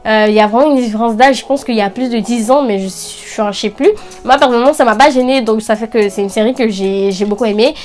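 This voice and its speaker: A young woman with a fairly high voice hosts a casual recommendation video. She talks like an enthusiastic anime fan, chatty and full of informal slang. Light music plays behind her. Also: quick pace, darkish tone. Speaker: anime review channel host.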